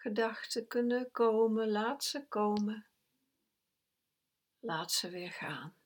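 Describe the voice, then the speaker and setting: A woman guiding a breathing meditation, with slow, soft, calm instructions that at times sink to a whisper. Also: fairly high pitch. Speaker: meditation guide.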